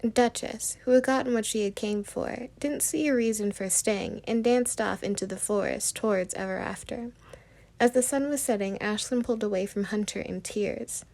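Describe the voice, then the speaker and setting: Woman storyteller, steady read with some vocal fry, mid pitch. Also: normal speed. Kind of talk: amateur storybook narration.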